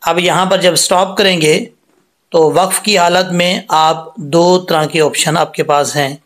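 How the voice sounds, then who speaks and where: A man teaching Quran recitation rules step by step, explaining patiently and reciting each word slowly with drawn-out vowels. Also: a little high, steady tone, fairly bright tone. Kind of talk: step-by-step tajweed lesson.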